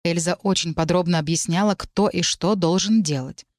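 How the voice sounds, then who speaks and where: A woman's voice: fairly low pitch, normal speed, a little mellow, no echo, clean studio sound. A woman narrating a fantasy novel in the first person as an audiobook reader.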